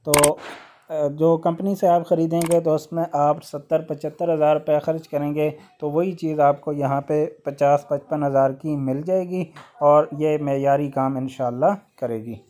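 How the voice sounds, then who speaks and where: Mellow man explaining a machine. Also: fairly high pitch. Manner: steady explaining, with hesitant "uh" pauses. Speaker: electrician channel host. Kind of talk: how-to machine demonstration.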